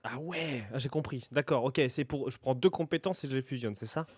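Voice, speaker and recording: A man's voice: mid-range voice, fairly quick, slightly rough, no echo. A man chatting casually as a tabletop role-play player, jokey and thinking aloud, often repeating words. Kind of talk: casual game chat.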